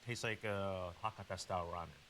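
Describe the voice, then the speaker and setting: A man's voice: low voice, steady tone, a little fast, a bit bright. A man giving explanatory food commentary as a chef. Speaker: chef on a tasting panel. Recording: clear background hiss.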